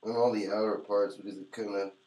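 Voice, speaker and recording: A man chatting casually to camera as a vlogger, in a halting, rambling, laid-back way, in a very echoey room. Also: on the low side, level tone, darkish tone. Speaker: vlogger reviewing hair pomade.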